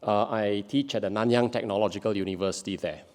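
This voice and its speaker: A lecturer from Singapore giving a short conference talk in a measured, self-correcting way. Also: male voice, lowish voice, fairly even intonation, background noise. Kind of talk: lightning talk. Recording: reverberant conference hall.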